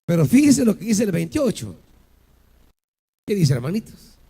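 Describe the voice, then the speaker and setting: High-voiced impassioned preacher man. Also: big pitch swings, normal speed, gravelly, breathy edge. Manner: impassioned preaching with rhetorical questions and shouted peaks. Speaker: pastor. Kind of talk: sermon.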